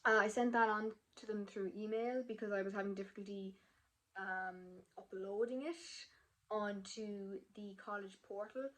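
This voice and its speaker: A woman's voice: medium pitch, fairly even intonation, normal speed, fairly bright tone, rough recording. Chatty young woman vlogging. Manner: chatty and emotional, lots of fillers. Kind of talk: casual chat to camera.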